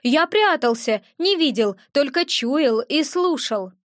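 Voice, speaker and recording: Brief: a rude little eared sprite, grumbling in rustic slang, high and squeaky, put on by a woman narrator. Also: lively intonation, slow, dry recording, clean studio sound. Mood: sulky. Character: grumpy little eared winged male sprite.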